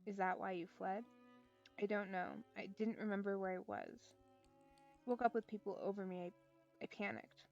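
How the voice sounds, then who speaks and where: A woman voicing a feverish, dazed young woman who speaks faintly and haltingly. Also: mid-range voice, creaky, a little mellow, highs cut off, faint music behind, close to an everyday voice. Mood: weak.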